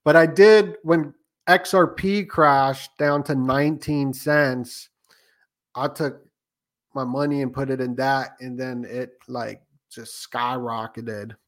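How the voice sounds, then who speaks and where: A man's voice: medium pitch, fairly even intonation, slow. A man hosting a live call-in show, chatting casually in a laid-back way with lots of fillers. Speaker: conspiracy channel host taking calls.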